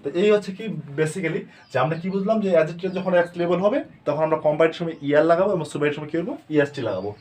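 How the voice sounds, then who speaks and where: A Bangladeshi man teaching English grammar, asking questions and answering them himself, sounding words out slowly. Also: a little high, darkish tone. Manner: asks and answers his own questions, slow word-by-word drilling. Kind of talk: spoken grammar lesson with questions to students.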